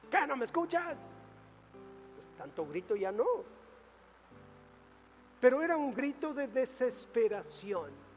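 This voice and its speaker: Male pastor, high voice, slow and deliberate, dramatic swings from loud to hushed, church-hall reverb with faint music. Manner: preaching with dramatic rises and hushed drops. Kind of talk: sermon.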